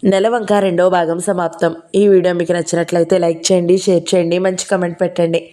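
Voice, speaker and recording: A woman reader narrating an audio novel in a steady, even storytelling manner. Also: fairly low pitch, brisk.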